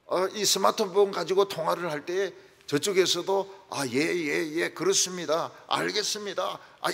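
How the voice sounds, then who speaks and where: A man is preaching a lively sermon, his husky voice sitting a little high and rising and falling freely. He jokes and acts out little scenes. The sound carries a long reverb from the church hall. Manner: animated, joking, acts out quoted phone calls and prayers. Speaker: pastor. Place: church sanctuary.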